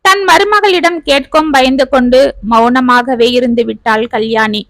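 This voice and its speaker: A woman narrating a family story in a steady, plain storytelling voice. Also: high voice, normal speed, dry recording.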